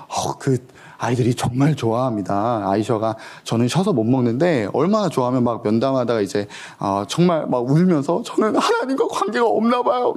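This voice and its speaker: Lively storytelling Korean missionary preacher. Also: male voice, mid-range voice. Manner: lively, animated storyteller acting out dialogue. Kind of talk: sermon with storytelling.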